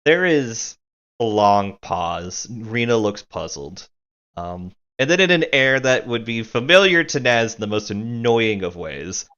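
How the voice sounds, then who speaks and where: A woman narrating a tabletop game as game master, casual and halting. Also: a bass voice, fairly bright tone, lo-fi sound.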